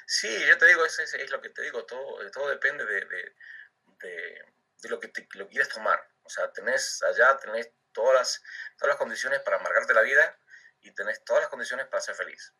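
This guest is a middle-aged man from Comodoro Rivadavia, Argentina, speaking Argentine Spanish in a relaxed interview chat. He trips over and repeats words as he works out his thoughts and laughs readily. His mid-range voice is husky, sharp, animated, and a little fast, captured roughly on a far-off mic.

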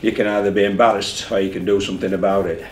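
A man's voice: sits low, level tone, racing. A man, a rugby league head coach speaking candidly at a post-match press conference, often repeating words as he thinks. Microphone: desk mic in front of him. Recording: echoey room with faint background hum.

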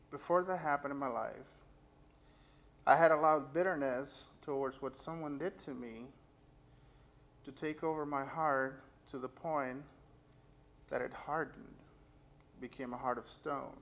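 Unhurried and pausing often, this young man's mid-range, slightly bright voice fills the church sanctuary stage as he shares his own story and reads scripture with heartfelt sincerity. A pulpit stand mic and a far-off camera capture him.

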